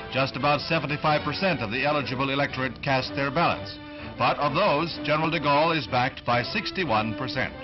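A man narrating the news in an old newsreel, with a formal, dramatic announcer delivery, heard on dull lo-fi 1960s film audio. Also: medium pitch. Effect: old newsreel sound. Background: music.

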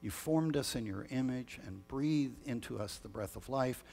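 A male pastor leading a communion liturgy in a measured, solemn way, heard with a long cathedral-like echo. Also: mid-range voice, creaky, darkish tone. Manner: measured, solemn liturgical reading with small restarts. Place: church sanctuary. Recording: long reverb of a large church.

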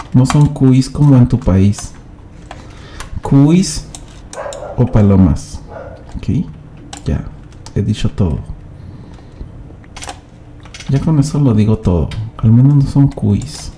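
Man, streamer, live game commentary, chatty with viewers, lively pitch, unhurried delivery. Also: a little hiss or hum. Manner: chatty, addresses chat directly, teasing banter.

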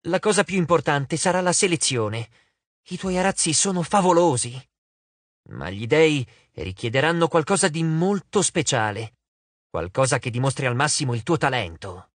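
A man's voice: fairly high pitch, very animated, normal speed, dry recording. A man voicing a clever, determined teenage girl for a storybook, talking in a coaxing, persuasive way.

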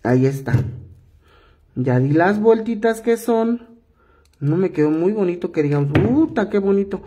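Slow, husky-voiced man with a cough. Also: high-pitched, animated, mellow. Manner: patient, repetitive step-by-step instructing. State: hoarse from a cough. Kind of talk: hands-on craft tutorial.

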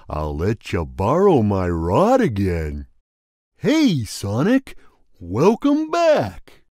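A huge, good-natured purple cat from a video game, speaking slowly and kindly. His voice sits high and swoops widely up and down, with drawn-out words. The sound is close and dry. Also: mellow, dry recording, full character voice. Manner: slow, friendly and simple-minded, drawn-out words. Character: big gentle slow male purple cat fisherman. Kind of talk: game voice lines.

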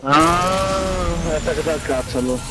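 A man's voice: a little high, normal speed, over loud music. A man talking casually with friends during a video game, with noise behind his voice. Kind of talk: casual gaming chat. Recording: noisy game voice chat.

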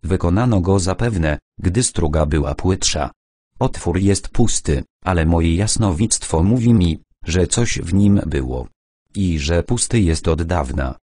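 Man voicing a deep-voiced old clairvoyant. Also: animated, unhurried, mellow, no echo. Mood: solemn. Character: eccentric older man, bearded clairvoyant dowser.

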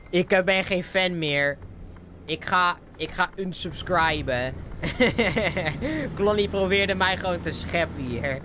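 An excitable streamer, giving live gameplay commentary, laughing often and dropping English slang. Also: medium pitch, slight background noise.

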